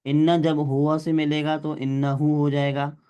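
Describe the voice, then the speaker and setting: A man's voice: a little high, flat delivery, moderate pace, dark tone, clear, resonant tone. A male teacher giving a classroom grammar lesson, explaining step by step and quizzing his students.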